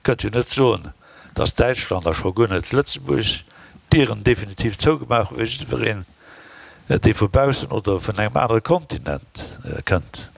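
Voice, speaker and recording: Brief: man, low gravelly voice, dry close sound, opinionated conference panelist. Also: lively intonation, normal speed, no room sound. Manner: opinionated, conversational. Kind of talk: conference discussion. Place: conference hall.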